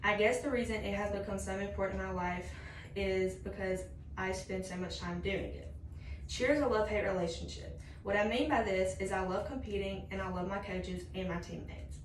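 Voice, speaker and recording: A woman's voice: mid-range voice, brisk. Young woman giving a speech in a roomy space. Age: young adult. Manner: scripted, signposted point-by-point delivery. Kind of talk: prepared introductory class speech. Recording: roomy, distant mic with faint noise.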